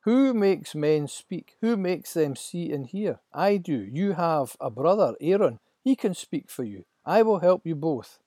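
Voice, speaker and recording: Solemn, commanding God, dark and husky, a male narrator reading him. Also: a little high, big pitch swings, measured pace, few pauses, dry recording, voice pushed up.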